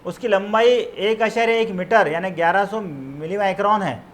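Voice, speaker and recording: A man's voice: high-pitched, moderate pace. A man with an Urdu accent from Maharashtra giving a biology lecture, explaining terms twice in Urdu and English. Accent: Urdu-speaking, Maharashtra. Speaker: biology teacher. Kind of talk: classroom lecture.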